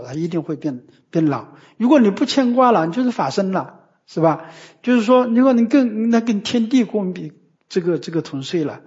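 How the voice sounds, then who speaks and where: High-voiced man giving a didactic dharma talk. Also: a little mellow. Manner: repeats tag questions, emphatic and didactic. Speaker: Buddhist teacher. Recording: muffled lo-fi recording.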